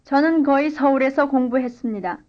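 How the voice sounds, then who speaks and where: A woman reading a scripted language-lesson dialogue and drill answers in clear, careful model sentences. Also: sits high, brisk, muffled recording. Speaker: language course speaker.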